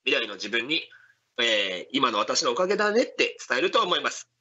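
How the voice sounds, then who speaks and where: A man's voice: medium pitch, very animated, brisk, sharp tone, muffled recording, full character voice. A man playing a deferential, upbeat ninja retainer co-hosting live radio, speaking polite archaic samurai-era Japanese. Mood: upbeat, reading. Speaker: radio co-host reading listener messages.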